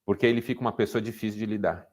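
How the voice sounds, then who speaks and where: A man speaking Brazilian Portuguese gives a sermon-style talk to a men's group, telling stories and animatedly acting out the dialogue. His voice is on the low side, and he races through his words.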